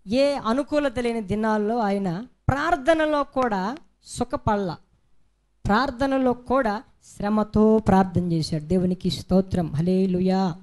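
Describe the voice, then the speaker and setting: A man's voice: high voice, darkish tone. A man preaching a sermon with fervor, firing rhetorical questions at the congregation and breaking in with repeated hallelujahs.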